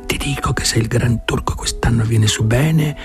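A man's voice: medium pitch, moderate pace, faint music behind, lightly acted. A man voicing a stern rural creditor who speaks firmly and insistently. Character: stern male rural creditor, pressing for payment.

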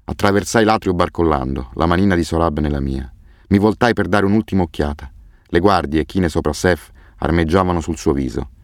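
A man reading a first-person novel aloud as an audiobook narrator, in a grave, measured way. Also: sits low, no room sound, studio quality. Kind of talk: scripted narration.

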